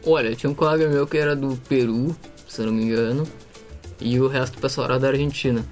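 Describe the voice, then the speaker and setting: A man's voice: medium pitch, steady tone, fast, darkish tone, soft background music. A young man, chatting casually as a guest about his exchange studies. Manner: storytelling, chatty. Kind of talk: casual podcast chat.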